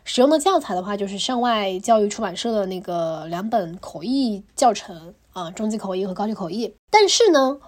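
A woman's voice: medium pitch, normal speed, hardly any pauses. Casting: young female podcast host, chatty and explanatory, casual instructional tone. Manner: lively, step-by-step explaining with fillers.

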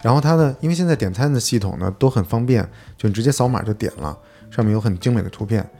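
A man, co-hosting a podcast and telling a story in lively casual chat, acting out an argument. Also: on the low side, fast, soft background music. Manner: animated storytelling, acting out an argument with restaurant staff. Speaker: podcast co-host.

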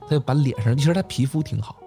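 A young man on a podcast, telling a story in an animated, excitable way. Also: medium pitch, rapid-fire, faint music behind. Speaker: podcast co-host. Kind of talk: casual storytelling chat.

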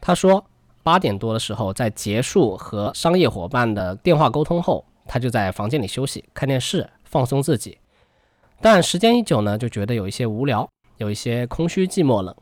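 Male true crime narrator for a podcast: conversational storyteller, medium pitch, very little room sound. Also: very animated, moderate pace, no room sound, studio quality.

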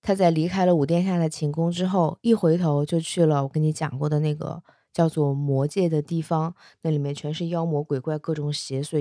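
A woman narrates a fantasy tale in a relaxed, conversational way, laughing now and then. Her voice sits low, recorded close and dry. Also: no room sound. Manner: chatty, laughs often. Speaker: storyteller. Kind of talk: casual storytelling.

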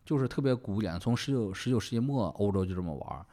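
Man, podcast co-host, animated storytelling, very expressive pitch. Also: fast talker. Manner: lively, colloquial, acts out quoted characters. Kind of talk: casual storytelling chat.

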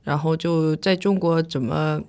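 She is a young woman with a slightly low voice and a Korean accent. She speaks Mandarin as a foreigner, in short, simple phrases, searching for words as she chats as an interview guest. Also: steady tone, measured pace, darkish tone, clean tone. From South Korea. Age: young adult. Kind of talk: casual interview chat.

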